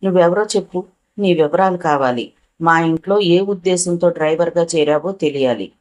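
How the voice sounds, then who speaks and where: A woman's voice: lowish voice, moderate pace, a little mellow, close to an everyday voice. Woman voicing a stubborn rich young lady. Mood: demanding. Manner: demanding, pressing questions.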